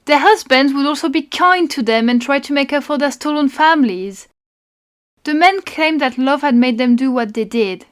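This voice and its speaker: High-voiced woman narrating history. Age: adult parent. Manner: measured storyteller, dry asides. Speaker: podcast co-host narrating history. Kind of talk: read-aloud history narration with banter.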